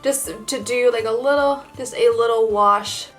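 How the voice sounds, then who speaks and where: A woman's voice: on the high side, a little slow, soft background music. A woman vlogger talking casually to her viewers in a bubbly, gushing, informal way, as in a makeup tutorial. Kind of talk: casual chatty vlog tutorial addressed to viewers.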